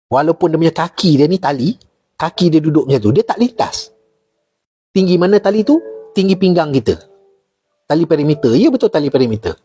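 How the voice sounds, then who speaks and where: A man's voice: fairly high pitch, breathy edge. A middle-aged man with a Malaysian Malay accent, a former army officer telling stories in casual chat, repeating key points and asking his listeners questions. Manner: animated storyteller, repeats key points, asks the audience rhetorical questions. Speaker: retired army officer guest.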